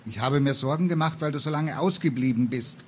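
A man's voice: a little high, brisk, slight background noise, lightly acted. A man reading the lines of a stern, dutiful young woman, a traveling apothecary in an old tale, in a firm, earnest manner. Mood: scolding.

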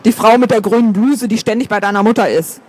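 A man's voice: high voice, fast, darkish tone. A man voicing a tense, weary young man in an audiobook. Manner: tense, sighing. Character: young, sharp-tongued man, tense and unsure.

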